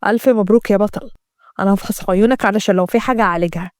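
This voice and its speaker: A woman with an Egyptian accent voicing a kindly male doctor who speaks in a calm, reassuring way. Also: mid-range voice, racing, no echo, clean studio sound, natural voice. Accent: Egyptian Arabic.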